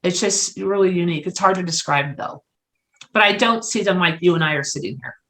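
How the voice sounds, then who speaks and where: A middle-aged woman, a psychic medium guest, chatting casually and telling lively anecdotes. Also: on the low side, a little fast. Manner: lively anecdotal storyteller, acts out dialogue. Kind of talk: casual storytelling chat.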